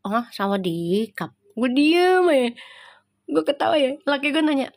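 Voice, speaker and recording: A woman's voice: sits high, sing-song, measured pace. A middle-aged woman with a Betawi Jakarta accent, chatting casually with viewers on a tarot live stream, teasing and laughing often.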